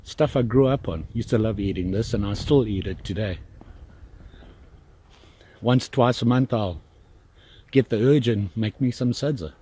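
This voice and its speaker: A middle-aged man from Zimbabwe, chatting casually through an outdoor cooking vlog in snowy woods, relaxed and full of fillers. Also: on the low side, measured pace, long pauses, breathy edge. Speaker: outdoor vlogger.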